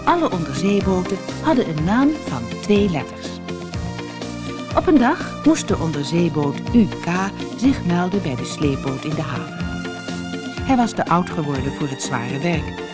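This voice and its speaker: A woman reads a children's story aloud with an expressive, storytelling lilt. Her voice sits low but rises and falls lavishly, and soft music plays quietly beneath her. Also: measured pace. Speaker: storybook narrator. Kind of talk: scripted narration of a children's story.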